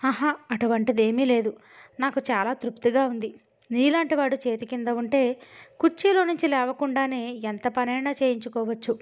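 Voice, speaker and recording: A woman's voice: a little high, fairly even intonation, normal speed, natural voice. A woman reading the part of an intense, grieving young man bent on revenge, in an audiobook. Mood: confident. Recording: dull lo-fi audio.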